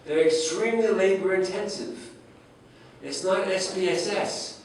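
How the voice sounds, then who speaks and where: A man's voice: high voice, measured pace, a little hiss or hum. A man whose first language is French gives a humorous academic lecture and keeps asking his audience rhetorical questions. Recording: echoey hall, distant mic, faint ambience.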